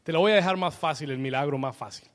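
A man's voice: a little high, fast talker. A man preaching a sermon as pastor, emphatic and repetitive, in a church. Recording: long hall reverb.

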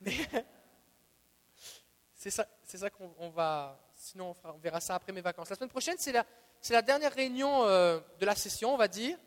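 A man with a Quebec French accent teaching a Bible sermon as a preacher, emphatic and repeating his key phrases, swinging between soft asides and loud declarations. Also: sits high, lively intonation, normal speed, big-room sound.

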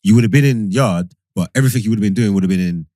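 A man with a London accent and a low voice. He talks quickly, putting questions in an informal, chatty way. The sound is dry and close. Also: mellow, no room sound. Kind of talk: casual conversational questioning.

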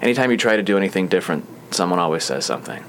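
A young man with a fairly low voice hosts a casual podcast from a small studio, rambling along with plenty of ums and restarts. A faint hiss sits under his voice. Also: lively intonation, racing. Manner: chatty, rambling with frequent fillers. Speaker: podcast host. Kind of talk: casual chat.

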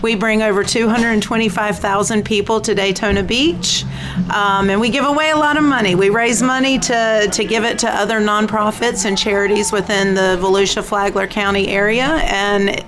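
A woman's voice: mid-range voice, steady tone, normal speed. A woman speaking as a guest chief executive in a talk show interview recorded at a racetrack. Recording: noisy racetrack ambience behind voice.

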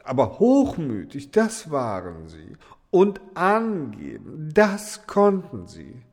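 A man's voice: a little high, huge pitch swings, takes it slowly, a little mellow, exaggerated voice. A man voicing a vain, haughty female darning needle in a fairy-tale audiobook, prim and self-important.

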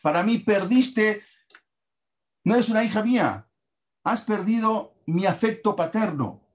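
A man's voice: medium pitch, lively intonation, measured pace, a little mellow. A man voicing a wealthy older father who angrily forbids his daughter's marriage and disowns her, in a commanding, indignant manner. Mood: stern.

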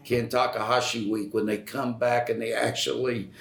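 An older retired man answering podcast interview questions in a halting way, with many fillers and restarts, and growing emotional. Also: mid-range voice, level tone, vocal fry. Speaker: retired college staff guest. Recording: roomy echo.

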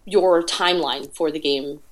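A woman's voice: deep voice, unhurried. A woman talking casually as a podcast guest, a chatty storyteller with lots of filler words. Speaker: podcast guest, indie game PR producer. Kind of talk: casual interview talk.

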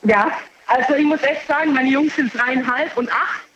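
A woman's voice: sits high, normal speed, fairly bright tone. A woman in her thirties calling a radio show over a bluetooth headset phone line from her noisy workplace, answering plainly and briefly. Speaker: caller. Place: noisy parcel sorting center at work.

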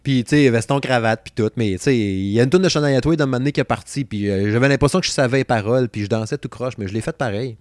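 A man in his thirties with a Québécois French accent, talking loosely and playfully as a podcast co-host. He jokes, hums bits of tunes and keeps an easy middle pitch. The sound is close and dry. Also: quick pace, hardly any pauses, no room sound. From Saguenay, Quebec. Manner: animated, joking, hums song snippets. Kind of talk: casual chat.

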